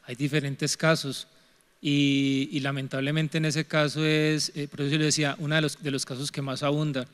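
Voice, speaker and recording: Soft-spoken man in a reverberant hall. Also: on the high side, flat delivery, smooth. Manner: measured and soft-spoken, with frequent restarts. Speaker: co-speaker in a youth church forum. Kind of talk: reflective church discussion.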